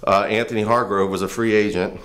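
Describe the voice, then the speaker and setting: A man with a fairly low voice talks through band exercises in a garage. He explains things earnestly and casually, often restarting his sentences as he goes. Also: steady tone, a little fast, fairly bright tone. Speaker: firefighter and trainer. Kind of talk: casual instructional demo. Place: home garage gym.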